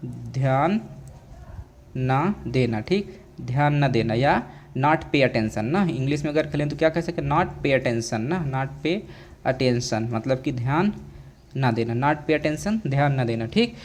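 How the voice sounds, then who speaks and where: A man with an Indian accent giving an exam-prep English lesson, asking the class questions and answering them himself, and slowing down to spell out English phrases. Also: medium pitch, animated, a little hiss or hum. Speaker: teacher.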